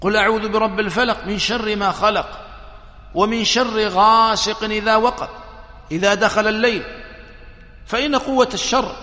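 A man preaching a religious sermon, slow and emphatic, counting his points one by one. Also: high-pitched, fairly even intonation, pushed and bright. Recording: echoey hall with long reverb.

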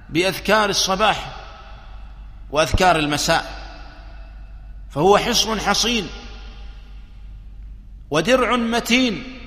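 A man preaching a religious sermon, slow and emphatic, counting his points one by one. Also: sits high, pushed and bright. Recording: echoey hall with long reverb.

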